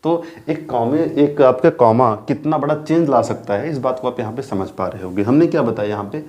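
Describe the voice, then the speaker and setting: Indian male grammar teacher, mellow voice, poses questions and answers them, drills key terms. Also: mid-range voice. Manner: keeps asking rhetorical questions and answering them himself; repeats key words slowly for emphasis. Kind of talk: classroom grammar lecture.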